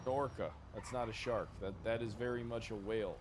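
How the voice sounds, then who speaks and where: A man playing a police chief in role-play chat, sarcastic and given to loud, profane outbursts. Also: on the low side, a little fast, noisy background.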